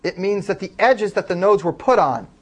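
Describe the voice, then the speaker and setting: A man's voice: sits high, expressive, moderate pace. A man lecturing a class, explaining step by step and taking student questions.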